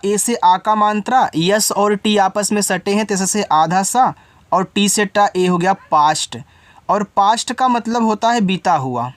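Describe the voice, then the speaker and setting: In a step-by-step spelling lesson with no echo, an English teacher in a mid-range voice spells each word letter by letter. Afterward comes an informal, direct explanation aimed at the learner.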